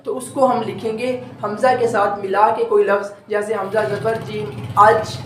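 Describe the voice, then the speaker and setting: A man's voice: sits high, little pitch movement, normal speed, roomy sound, a little hiss or hum. A man teaching a recorded tajweed lesson, explaining step by step and drawing out each sound to demonstrate it. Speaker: Quran recitation teacher.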